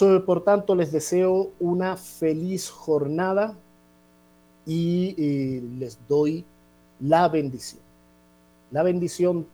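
A man, a priest hosting a religious program, answering listener questions in a measured, teaching way with frequent "eh" and tag questions. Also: fairly high pitch, warm tone.

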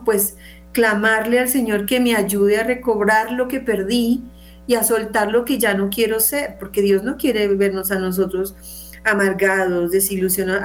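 A woman, a pro-life counselor, speaking fervently about faith and asking rhetorical questions with a frequent checking "¿sí?". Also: a little high. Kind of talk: religious talk, testimony.

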